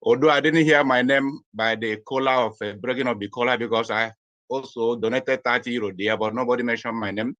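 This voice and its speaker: A man's voice: mid-range voice, steady tone, fairly quick, fairly bright tone, no room sound. Man, formal welcome, slightly rambling, dry sound. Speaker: community member welcoming guests. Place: Vienna, Austria.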